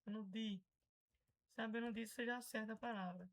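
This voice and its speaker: A woman's voice: a little high, steady tone, fairly quick, poor audio. A Brazilian woman teaching English pronunciation in a casual, chatty way, patiently explaining and repeating example words.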